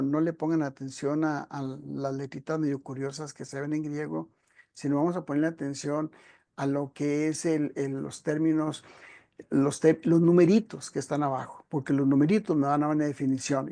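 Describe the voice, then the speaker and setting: This preacher's voice is fairly high, mellow, and touched by vocal fry. He teaches from a passage step by step, speaking directly to the congregation and calling them brothers and sisters.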